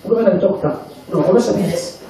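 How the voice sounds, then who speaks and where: In a large, echoing church hall, a Congolese pastor with a high voice delivers a quick, emphatic sermon full of repetition, and the congregation answers him with amens. Recorded from a distance, the crowd is plainly audible behind him.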